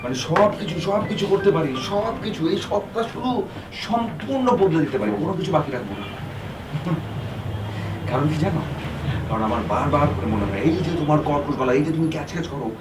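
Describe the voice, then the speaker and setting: An actor playing a lovesick young husband pleading slowly in a comedy TV drama. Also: male voice, fairly high pitch, animated, background noise, natural voice. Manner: slow, pleading. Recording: echoey, from far off. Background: loud music.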